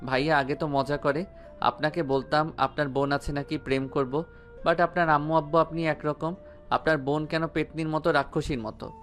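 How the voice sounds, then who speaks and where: A man's voice: a little high, steady tone, normal speed, fairly bright tone, soft background music, lightly acted. A man voicing a cheeky young male student who teases his family playfully. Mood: teasing. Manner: playful teasing.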